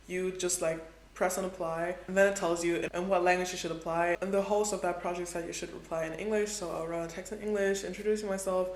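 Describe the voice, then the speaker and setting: Talking fast with a high voice and flat delivery, a man in his twenties chats through a travel vlog, leaning heavily on "like." Portuguese is his second language, and the recording comes from an echoey room with faint background ambience.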